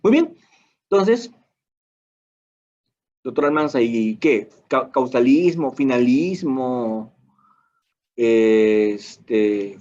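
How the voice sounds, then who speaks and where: A man's voice: mid-range voice, a little mellow, dull audio. A man with a Peruvian accent giving a law lecture, asking and answering his own rhetorical questions, with colloquial asides. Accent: Peruvian Spanish.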